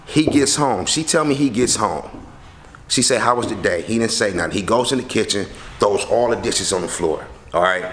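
A young man telling a story casually to a handheld camera in and around his house, slangy and animated, acting out the people he quotes. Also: lowish voice, normal speed, a little hiss or hum. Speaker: vlogger. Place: house interior and front porch. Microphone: handheld camera close to face.

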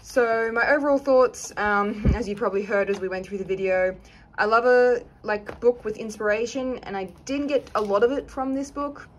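A woman's voice: on the high side, normal speed, slight background noise. Chatty woman reviewing a notebook. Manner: chatty, frank, hedges opinions. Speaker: planner reviewer. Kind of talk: casual review chat.

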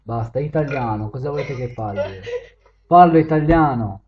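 A man chatting with viewers and strangers on random video chat, joking and teasing, switching from loud greetings to low mutters. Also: animated, moderate pace, dull audio.

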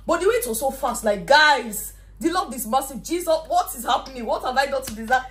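Excitable Nigerian woman, bright high voice. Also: a little fast. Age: young adult. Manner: excitable, emotional, chatty with pidgin slang. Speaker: vlogger. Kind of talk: excited unboxing vlog.

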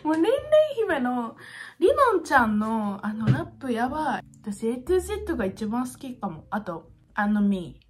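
A woman in her twenties chats casually to camera in an expressive, gushing and self-deprecating way, as a YouTuber in a room at home. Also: on the high side, normal speed, background noise. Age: 20s. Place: small home room, indoors.

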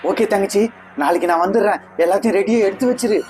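A woman voicing the maid's scheming older brother, talking in a low, hushed, conspiring way. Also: fast talker, soft background music, close to an everyday voice. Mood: plotting. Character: scheming adult brother of the maid, low and sly.

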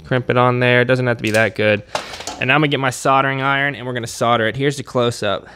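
A man's voice: mid-range voice, steady tone, fast talker, bright, forceful tone, clean tone. A man hosting a hands-on repair tutorial in a workshop, talking casually while he works. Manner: casual, talks while working with his hands. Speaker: channel host.

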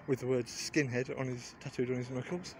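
In this walk-around garden vlog, shot on a phone at arm's length, a man in his forties speaks briskly with a level, medium-pitched voice. His chatter is rambling, casual, and quietly wry, with slight background noise.

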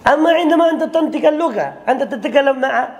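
A man teaching an online grammar class, his voice pitched high and rough with vocal fry. He calls on students by name, breaks off and restarts phrases, and stretches out words slowly when reading from the text. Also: lively intonation. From Kashmir. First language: Kashmiri. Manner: checks on students by name, halting restarts, slow drawn-out readings.

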